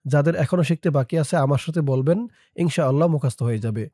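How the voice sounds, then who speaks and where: A man teaching Quran reading, spelling each word out letter by letter and then reciting it in a slow, drawn-out melodic chant. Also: a little high, mellow, no echo, clean studio sound. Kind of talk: spelling out and slowly reciting a short surah.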